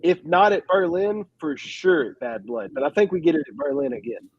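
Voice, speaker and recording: A man co-hosting a casual wrestling review show, talking in animated, exasperated rants and laughing often. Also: fairly high pitch, moderate pace, muffled recording, slight background noise. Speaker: podcast co-host.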